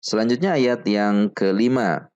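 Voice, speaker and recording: A man teaching Quran recitation rules step by step, slowly repeating each syllable for drill. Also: a little mellow, clean tone, highs cut off. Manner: chants the Arabic verses in a higher, fuller voice. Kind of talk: slow step-by-step tajwid lesson.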